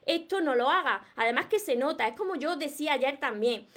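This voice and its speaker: A woman's voice: high-pitched, animated, fairly quick, a bit bright. A woman from Córdoba with an Andalusian Spanish accent, giving earnest, repetitive dating advice on a live stream. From Córdoba, southern Spain. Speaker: dating and self-esteem coach. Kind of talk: live-streamed motivational talk.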